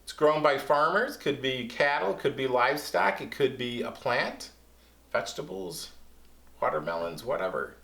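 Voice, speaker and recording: A man teaching a kids' science lesson in a casual, lively way, speaking to children. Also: mid-range voice, moderate pace, gravelly. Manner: casual, lively, talks to kids. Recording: echoey room.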